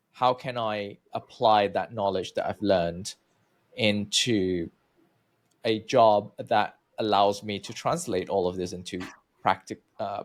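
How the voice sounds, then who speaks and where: A man from Malaysia in his thirties, telling his own story as a researcher guest in an interview, chatty with many fillers and restarts. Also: fairly low pitch.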